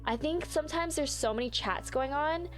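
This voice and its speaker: A woman's voice: high-pitched, normal speed. A young woman livestreaming in a casual, chatty way, apologetic and full of fillers. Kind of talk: casual live-stream chat. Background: faint background music.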